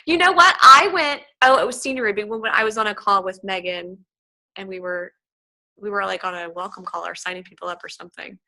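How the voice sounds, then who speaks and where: A woman's voice: mid-range voice, a little fast, sharp tone, low-quality recording. A woman chatting as a guest on a video call, talking with lots of fillers and restarts, gushing and effusive. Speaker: featured guest answering team questions. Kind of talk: casual chat on a video call.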